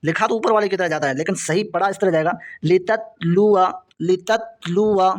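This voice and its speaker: A man teaching Quran reading, drawing out each example word slowly and then explaining it quickly and repetitively. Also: high voice. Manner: reads example words slowly and drawn out, then explains rapidly; repetitive, patient step-by-step pointing. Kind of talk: explaining a lesson.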